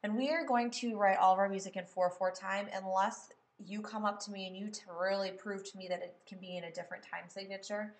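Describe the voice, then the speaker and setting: A woman's voice: medium pitch, fairly even intonation, fairly quick, few pauses, reverberant. A woman music teacher explaining step by step in a patient classroom manner. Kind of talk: classroom lesson on writing melodies.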